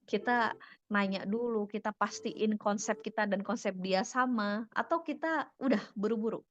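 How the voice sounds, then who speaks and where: A woman speaking casually to an audience about family communication, acting out the quoted family members in an animated way. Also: mid-range voice, normal speed, highs cut off.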